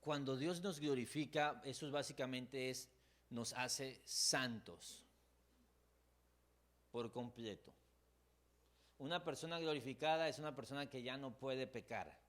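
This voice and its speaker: A man's voice: mid-range voice, unhurried, long pauses. A man with a Mexican accent preaching a sermon as a pastor, emotive, acting out the struggles of his listeners.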